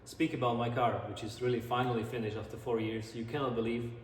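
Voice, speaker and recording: A man with a Slovak accent chats earnestly in a casual vlog style. His English is non-native and a little halting, with a medium-pitched voice. The sound is roomy and distant, with a long reverb tail, like a large garage. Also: fairly even intonation. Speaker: drifter and car-building vlogger. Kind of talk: casual vlog talk to camera. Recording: echoey garage, distant mic, background noise.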